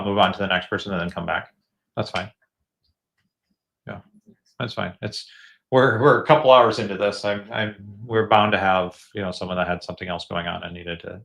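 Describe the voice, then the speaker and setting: A lowish, bright-toned man hosts a video call and coaches fan designers on their models. His delivery is casual and encouraging, and he often backs up and restarts his phrases as he thinks out loud. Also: vocal fry. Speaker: host giving feedback to fan designers.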